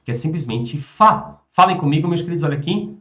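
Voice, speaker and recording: A man with a Brazilian Portuguese accent teaching German in a live online lesson. He repeats German words slowly and clearly and keeps checking in with "tá?" and "né?". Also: a little high, expressive, a bit bright. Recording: roomy echo.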